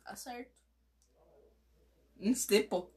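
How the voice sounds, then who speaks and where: A woman's voice: fairly high pitch, takes it slowly, husky. A woman co-hosting a podcast, reading out slang definitions in casual chat and joking between them. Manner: reads definitions flatly, then jokes. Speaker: podcast co-host.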